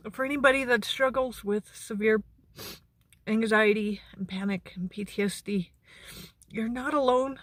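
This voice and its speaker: A woman sounding anxious and shaken, speaking haltingly and earnestly to camera in a personal vlog. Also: a little high, no echo. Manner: halting, earnest, with long pauses. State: anxious, shaken during a panic attack. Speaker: mental health vlogger. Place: outdoors beside a parked car.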